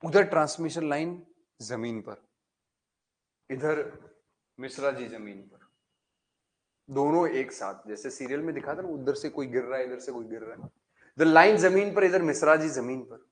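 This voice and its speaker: Lively male lecturer telling a story. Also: medium pitch, moderate pace, pauses often, slight background noise. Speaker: engineering lecturer.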